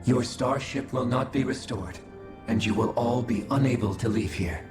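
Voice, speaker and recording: In a game cutscene, an actor portrays a cold male observer, speaking with formal, clinical detachment and no feeling. He uses a natural, mid-range voice at normal speed. Game music plays behind him in an echoey recording.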